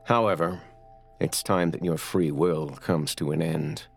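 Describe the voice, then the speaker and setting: An actor playing a creepy, obsessive male captor who gloats slowly and menacingly over his prisoner in a horror audio drama. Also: rumbling low, soft background music, exaggerated voice. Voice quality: gravelly.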